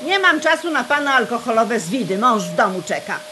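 An actress playing a fed-up cleaning lady in an audio drama. She scolds bluntly and colloquially in a fairly high, lively, swooping voice, with noise behind her. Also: fairly quick. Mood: grumbling.

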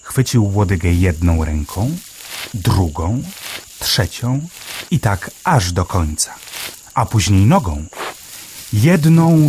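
Guy reading a kids story, low voice, slow and lively, faint hiss behind. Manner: gentle, expressive storytelling. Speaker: narrator.

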